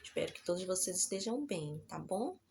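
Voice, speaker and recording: A woman's voice: fairly low pitch, sing-song, fairly quick, gravelly, a little mellow, a little hiss or hum. A woman teacher, giving a recorded lesson and patiently checking in with her students. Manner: patient, checks in often with the class.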